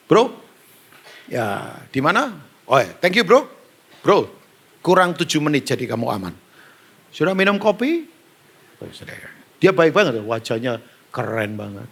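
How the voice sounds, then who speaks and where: A man's voice: medium pitch, slightly rough. A middle-aged Indonesian-accented male pastor preaching a storytelling sermon, joking and acting out conversations with his congregation. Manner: animated, joking, acts out dialogue, talks to the band and congregation.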